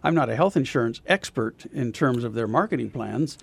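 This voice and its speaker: A man speaking as an insurance consultant guest on a radio talk show, explaining things in a measured way with pauses and fillers. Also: mid-range voice, lively intonation, vocal fry, slightly rough, no echo. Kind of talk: radio interview answers.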